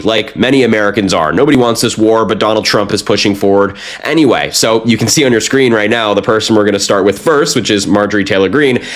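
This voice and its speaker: Man hosting a political news show. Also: lowish voice. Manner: direct, conversational address to viewers. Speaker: host.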